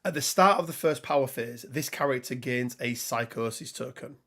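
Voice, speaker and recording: A man's voice: mid-range voice, moderate pace, a bit bright. A man hosting a casual tabletop game talk, rambling and laughing as he reads card text, his voice a little worn. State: slightly losing his voice. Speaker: podcast host.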